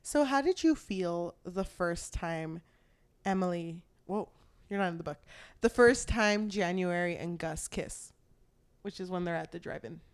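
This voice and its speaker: An unhurried woman with a lowish, clean-toned voice and lively intonation co-hosts a casual book podcast. She's irreverent, cracks jokes and swears freely as the book talk rolls along.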